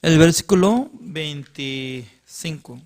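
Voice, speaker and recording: Bible class teacher, male, high and very animated pitch, unhurried delivery, reads a verse then explains it piece by piece. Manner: asks the listeners questions and answers them himself; reads scripture aloud, then explains it phrase by phrase.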